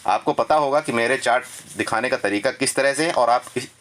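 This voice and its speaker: A man's voice: medium pitch, a little fast, a bit bright. A man walking viewers through trading charts in a casual lesson, chatty and repetitive, often checking in with his listeners. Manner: chatty, repeats "theek hai", addresses viewers as friend. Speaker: stock market trading tutor.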